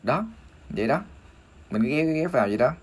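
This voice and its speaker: A man with a Vietnamese accent teaching English pronunciation on a livestream, spelling out sounds one by one and repeating each word slowly. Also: medium pitch, animated. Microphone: phone or desk mic on a livestream.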